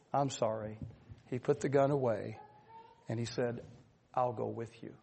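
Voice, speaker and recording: A man's voice: mid-range voice, gravelly, darkish tone. A man preaching a sermon, telling stories earnestly and then exhorting his listeners. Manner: earnest storytelling, pleading and exhorting.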